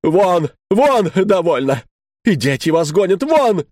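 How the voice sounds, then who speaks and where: A man voicing a desperate, furious wife who shouts at her husband in a story reading. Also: big pitch swings, slow, dry recording, clean studio sound, full character voice. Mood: shrill furious. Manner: shrill shouting.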